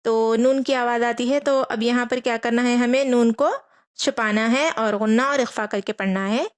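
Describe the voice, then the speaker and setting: A woman teaching a Quran reading lesson, patiently repeating each rule, asking her students questions and slowly spelling out letters. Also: fairly high pitch, steady tone. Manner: patient, repeats rules and asks rhetorical questions.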